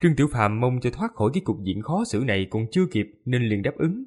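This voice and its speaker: A man narrating a fantasy novel audiobook with lively, expressive storytelling. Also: medium pitch, fast.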